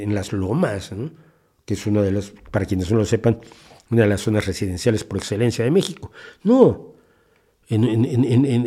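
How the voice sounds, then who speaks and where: Impassioned older man, husky and dark. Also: mid-range voice. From Mexico. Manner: indignant, impassioned, with frequent restarts. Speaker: podcast host. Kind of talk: opinion monologue.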